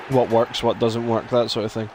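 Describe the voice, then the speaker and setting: A man's voice: mid-range voice, vocal fry, noisy background. A man commentating casually on his own live game stream, chatting and reacting to the play. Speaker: gaming streamer.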